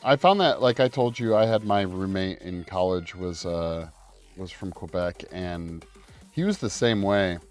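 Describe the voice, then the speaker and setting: Chatty low-voiced man streaming. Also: measured pace. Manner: chatty, laughs often, many fillers. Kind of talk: casual chat on a livestream call. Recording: faint music behind. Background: faint background music.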